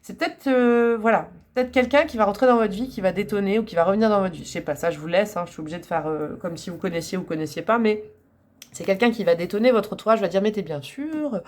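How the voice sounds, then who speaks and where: A woman's voice: mid-range voice, fast, darkish tone. A woman giving a casual tarot reading to camera, chatty and rambling, with frequent fillers and small laughs. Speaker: tarot card reader.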